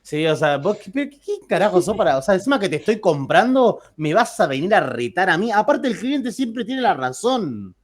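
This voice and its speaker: A man's voice: high-pitched, very animated, normal speed, hardly any pauses. A man with an Argentine Spanish accent, telling joking anecdotes to a class. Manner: chatty, joking, with frequent restarts. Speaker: teacher.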